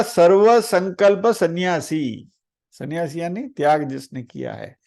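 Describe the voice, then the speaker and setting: A man giving a spiritual discourse on scripture, telling a story with lively acted-out voices, asking the listeners rhetorical questions and mixing in English phrases. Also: fairly high pitch. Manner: asks the audience rhetorical questions; mixes English phrases into the talk. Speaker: spiritual teacher.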